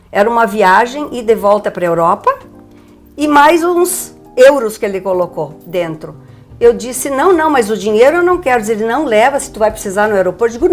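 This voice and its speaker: An older woman from Brazil, telling her story with energy as a guest on a TV interview. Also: mid-range voice. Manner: lively, animated storyteller.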